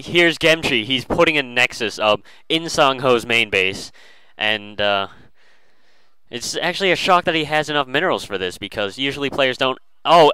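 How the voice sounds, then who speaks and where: A man's voice: mid-range voice, pushed and bright, clean tone, no echo, low-quality recording. A man casually commentating a strategy game, hesitant and full of fillers and restarts.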